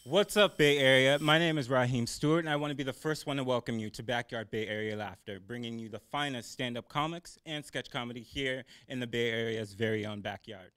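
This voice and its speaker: A man's voice: medium pitch, fairly quick, hardly any pauses, a bit bright, smooth. A man hosting a comedy showcase, opening with an upbeat, announcer-like welcome. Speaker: comedy show host. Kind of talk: show introduction.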